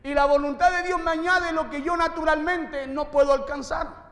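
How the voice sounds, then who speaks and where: Male pastor, very high voice, sermon in a reverberant church hall. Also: fairly even intonation, normal speed, fairly bright tone. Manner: preaching with rhetorical questions to the congregation.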